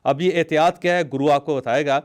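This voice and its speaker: Man with a higher voice telling stories. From Pakistan. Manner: storytelling, measured, with hesitations. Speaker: host. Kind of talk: casual health talk.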